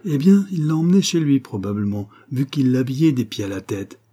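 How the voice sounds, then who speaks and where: A nosy, gossiping old ragpicker woman, put on by a male reader in a storybook reading. The husky, dark voice jumps upward when she gets excited. Her talk is loose and chatty. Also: medium pitch, a little fast, pitched above the performer's own voice.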